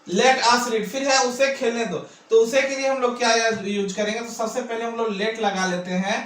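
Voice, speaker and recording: A high-pitched man gives an online English grammar lesson. He keeps asking his own questions and answering them, stretching out his words. His voice sounds echoey and a little distant from the mic. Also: steady tone, normal speed, fairly bright tone. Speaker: English teacher.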